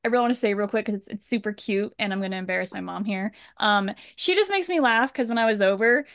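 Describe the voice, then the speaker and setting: A woman's voice: medium pitch, fast, fairly bright tone, no room sound, studio quality. A woman guesting on a casual fan podcast, opinionated and emphatic.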